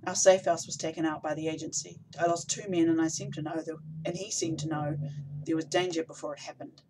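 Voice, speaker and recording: A man's voice: on the high side, level tone, a little fast, background noise, natural voice. A man doing a blunt, suspicious woman. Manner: blunt, forthright.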